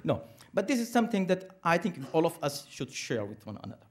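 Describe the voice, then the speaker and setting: At an interfaith program at a community center event, a man lectures a live audience in an emphatic, preacherly manner, posing rhetorical questions and answering them himself. His high-leaning voice swings widely in pitch and moves briskly.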